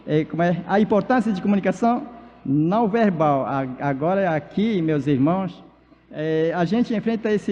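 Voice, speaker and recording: A pastor and missionary from Amazonas, Brazil, whose first language is Baniwa, preaches a sermon at a church leaders' conference in a large church hall, his speech halting with fillers and restarts. His voice sits high with a dark tone, captured on a dull, reverberant church PA recording.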